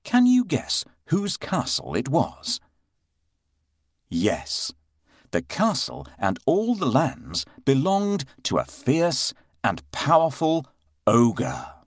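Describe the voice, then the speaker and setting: A man narrating a bedtime story for children, slow and expressive, with playful sound effects. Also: a little high, no echo, studio quality.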